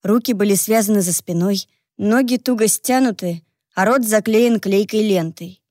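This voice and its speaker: An audiobook narrator with a mid-range voice reads a novel aloud in even, measured scripted narration. The studio sound is clean, with no room echo.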